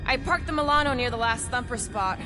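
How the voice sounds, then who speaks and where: A woman's voice: fairly high pitch, fairly quick, over music, lightly acted. A woman voicing a confident, deadly assassin in a video game, with a dry, self-assured manner.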